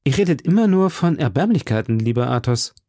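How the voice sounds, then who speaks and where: A man's voice: medium pitch, lively intonation, fairly quick, darkish tone, no echo, clean studio sound, voice pushed up. A man doing an impetuous young swordsman. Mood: earnest. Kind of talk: audiobook character voice.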